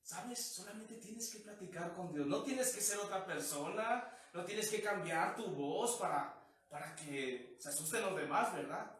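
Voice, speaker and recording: A man preaches in a loose, conversational way and keeps asking the listener rhetorical questions. His voice sits high for a man. It rings through a very echoey room, picked up from some distance off the mic. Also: lively intonation, unhurried, a bit bright. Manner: chatty, full of rhetorical questions. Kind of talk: conversational online sermon.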